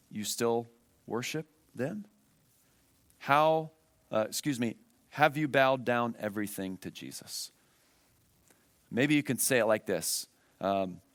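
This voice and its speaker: A man's voice: lowish voice, no echo. A man preaching a church sermon, earnest and emphatic, repeating key phrases and asking his listeners rhetorical questions. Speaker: pastor. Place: church with a screen.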